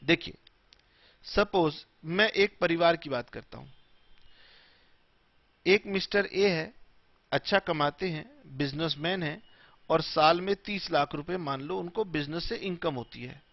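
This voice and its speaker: A man teaching tax law in a classroom lecture, mixing Hindi and English in a slow, emphatic way. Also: fairly high pitch, no room sound, dull audio.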